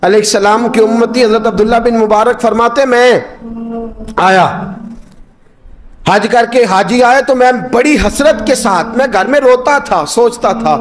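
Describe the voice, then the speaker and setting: A middle-aged man preaching a sermon that tells an old story, acting out its people and breaking into sung verse. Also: a little slow. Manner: impassioned, rising to high pitched cries.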